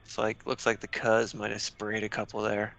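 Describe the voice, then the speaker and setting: A man's voice: on the low side, monotone, normal speed, gravelly, a bit bright. A man giving casual live sports commentary, with joking banter and frequent chuckles.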